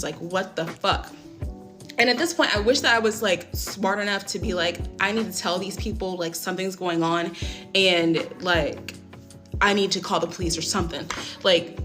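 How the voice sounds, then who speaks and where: A young woman talks through a personal story in a loose, rambling way, full of fillers and blunt swearing. Her voice sits at a middle pitch, and music plays clearly underneath her. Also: fairly bright tone. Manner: candid, profane and rambling, many fillers. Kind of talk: casual storytime.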